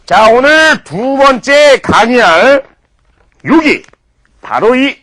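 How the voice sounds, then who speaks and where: A man's voice: extremely high pitch, very animated, takes it slowly, sharp tone. A man giving a mock-formal comedy lecture, peppered with profanity.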